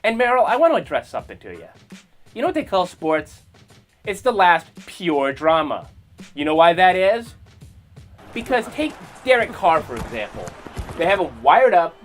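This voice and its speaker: A man hosting a comedy commentary show, mocking and sarcastic, with quick animated asides. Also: sits high, soft background music.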